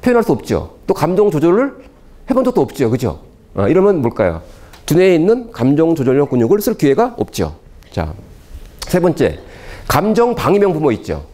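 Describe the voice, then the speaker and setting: A man giving a lecture to parents, constantly firing rhetorical questions at the audience. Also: fairly quick. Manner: animated, swooping pitch.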